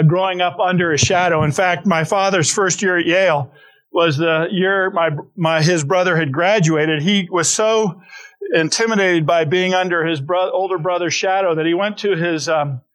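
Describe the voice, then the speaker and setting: This middle-aged pastor preaches a conversational sermon in a high, fairly bright voice. He tells stories full of restarts and asides.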